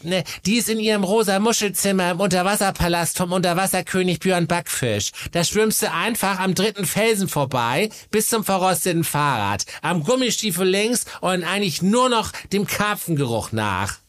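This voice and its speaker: A man's voice: sits high, lively intonation, normal speed, hardly any pauses, a bit bright, pitched above the performer's own voice. A man doing a wheedling little forest goblin. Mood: chatty. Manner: whiny, wheedling, guilt-tripping. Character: greedy cheeky male forest goblin.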